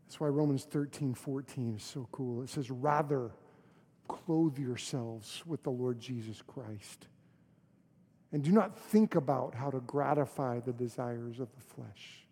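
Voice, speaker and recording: Animated male pastor in a reverberant hall. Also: mid-range voice, a little slow, slightly rough. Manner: animated storytelling, many restarts. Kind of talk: sermon.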